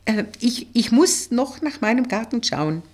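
A woman voicing a female detective who answers with dry, quick wit. The voice is low and husky and moves lively in pitch. It is an audiobook character voice. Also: exaggerated voice. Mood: flustered.

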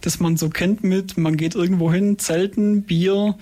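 A man's voice: high voice, fairly even intonation, a little slow, mellow. A man co-hosting a radio show, asking questions in a casual, conversational interview style. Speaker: radio co-host.

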